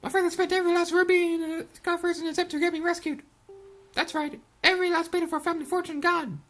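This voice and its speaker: With soft music behind her, a woman reads game dialogue in a put-on voice as a young girl, once a rich debutante and now poor. Her pushed-up voice is extremely high and fairly bright with little pitch movement, and she gushes quickly in a theatrical, pleading, self-pitying manner.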